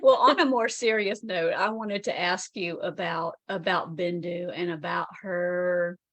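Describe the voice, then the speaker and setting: A woman's voice: lowish voice, creaky, no room sound. A woman hosting a book club on a video call, laughing readily and effusive in her reactions. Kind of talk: casual chat on a video call.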